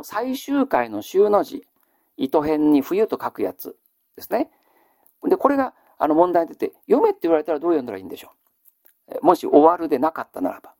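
A man leads a classical reading lesson and patiently quizzes his listeners, then repeats each answer. His voice is gravelly and his pitch moves a lot. The sound is close and dry. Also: darkish tone, no room sound. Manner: polite, measured lecturing with frequent fillers. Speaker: teacher.

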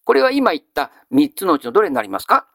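A male teacher giving a grammar lesson. He asks a question, then answers it himself in a measured way. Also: fairly high pitch, huge pitch swings, gravelly, bright, forceful tone, no room sound, clean studio sound. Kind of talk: classical Japanese grammar lesson.

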